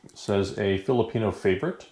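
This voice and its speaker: An American man tastes new foods for his vlog, chatting in an easygoing way and talking while he eats. His voice is on the low side, a little mellow, and his delivery is brisk.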